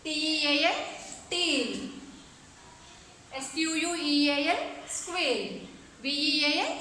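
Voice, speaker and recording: A woman English teacher with a high, sharp voice speaks very slowly in an online lesson, recorded with heavy reverb and slight background noise. She spells words letter by letter, explains them patiently, mixes English words into her teaching, and often asks the class questions to check they've understood.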